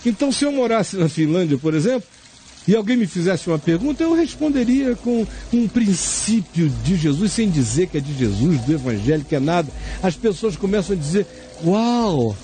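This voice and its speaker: A man's voice: high voice, sing-song, fairly quick, dark tone. A man, a pastor answering a viewer's question in an emphatic, preaching way, acting out little dialogues as he goes. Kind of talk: spoken sermon-like answer.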